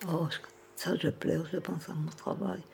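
Very husky, gravelly elderly woman. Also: on the low side, level tone, moderate pace. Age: older. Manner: calls the listener "my little heart" constantly, rambling and tender; hums and half-sings old songs softly. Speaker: nursing home resident. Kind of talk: casual chat with a visitor. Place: room in a nursing home.

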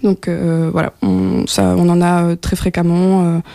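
A young woman from France, a guest in a radio studio interview, talking with many fillers and pauses. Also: fairly low pitch, flat delivery, creaky, dark tone, no room sound. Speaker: guest, project coordinator.

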